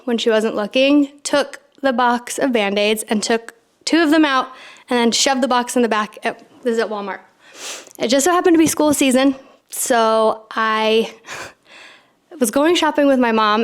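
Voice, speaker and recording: A woman in her thirties hosting a podcast, telling a personal story in an animated, chatty way full of "like" fillers. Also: on the high side, clean tone. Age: 30s. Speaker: podcast host.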